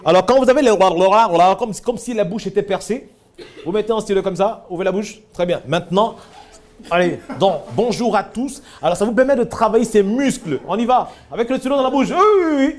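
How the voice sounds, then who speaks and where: A man leading a voice training workshop, coaching students with animated corrections. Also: sits high, a little fast.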